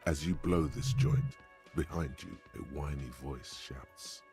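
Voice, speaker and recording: An actor voicing a wry, solemn narrator in a detective video game, over loud game music. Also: male voice, extremely low pitch, big pitch swings, measured pace, heavily acted. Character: deep-voiced male narrator of a detective game, omniscient and sardonic. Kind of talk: dramatic scripted narration.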